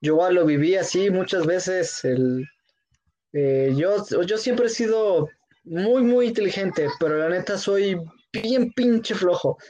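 A man's voice: high-pitched, animated, slow, warm tone. A young man with a Mexican accent, making emphatic points in slang in a casual chat. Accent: Mexican Spanish. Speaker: co-host.

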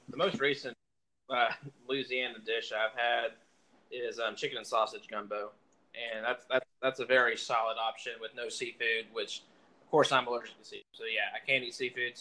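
A man, a guest on a casual sports podcast, answering in a relaxed, plain-spoken way. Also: medium pitch, a little fast, low-quality recording.

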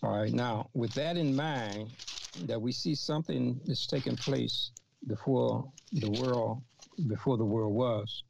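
Slow gravelly man teaching scripture. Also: mid-range voice, noisy background. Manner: halting, repeats and restarts phrases, reads scripture aloud. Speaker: Bible teacher. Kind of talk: slow expository Bible teaching. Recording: dull lo-fi recording.

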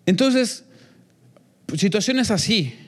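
A man's voice: high voice, lively intonation, slow. Earnest young man preaching. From Mexico. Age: young adult. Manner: earnest, repeats phrases, frequent restarts. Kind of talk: sermon.

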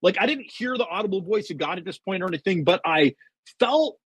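A man's voice: sits high, brisk, husky, no echo. A middle-aged man, a podcast guest, telling a faith testimony with earnest storytelling, often quoting himself. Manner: many fillers and restarts, excited.

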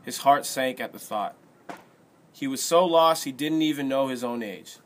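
A man reading an audiobook as narrator in a steady, even storytelling manner. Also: mid-range voice, moderate pace, slight background noise.

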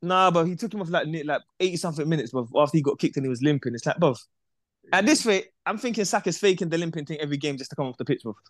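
A young man rattles through a casual football chat at speed, his voice sitting slightly high. He repeats himself and keeps tossing in "bruv" and "bro". The recording is dry and close, with no room sound. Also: animated, racing, dry recording. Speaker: podcast co-host.

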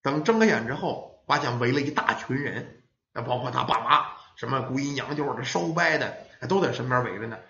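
Lively man telling a spooky folk tale. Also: mid-range voice, a little fast, slight background noise. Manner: folksy storyteller acting out children and parents. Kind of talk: spoken ghost story telling. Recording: roomy, dull lo-fi sound.

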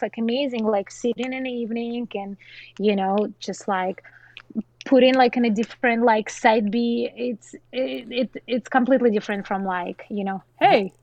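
A woman from Russia in her thirties, chatting casually about music, full of "like" fillers and quick laughs. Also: fairly high pitch, darkish tone. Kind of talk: casual chat.

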